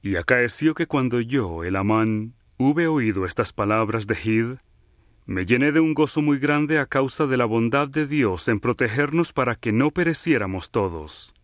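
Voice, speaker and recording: A man giving a slow, measured and reverent scripture reading. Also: mid-range voice, expressive, no echo, clean studio sound. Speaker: scripture reader.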